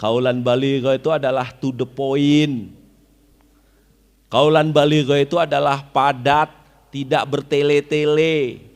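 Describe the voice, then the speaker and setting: A man from Indonesia teaching a religious study lecture at a mid pitch. He explains point by point, stops to recite Arabic verses and puts questions to the listeners. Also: little pitch movement, a little slow, clean tone. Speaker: Islamic preacher. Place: weekly study gathering.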